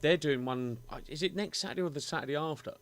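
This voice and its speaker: A male DJ hosting a live stream over a video call, teasing and cutting in quickly. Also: on the high side. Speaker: DJ and show host. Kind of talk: casual live-stream chat.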